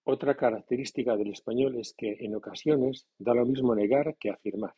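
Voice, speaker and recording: A man teaching a grammar lesson in a measured, scripted way, reading example sentences slowly. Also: mid-range voice, slightly rough. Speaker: language teacher. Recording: dull lo-fi sound.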